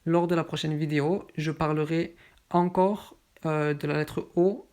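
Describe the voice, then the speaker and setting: Slow, careful woman teaching pronunciation. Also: sits low, steady tone, a little mellow. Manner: slow, careful enunciation of each word; explains spelling patterns step by step. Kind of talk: pronunciation lesson, reading word lists.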